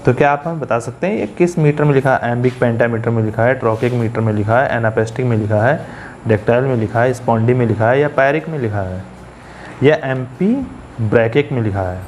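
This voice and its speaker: A man's voice: mid-range voice, fairly quick, a little mellow, slight background noise. A man teaching poetry as a class lecture, repeating key terms and putting questions to the students. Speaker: English teacher.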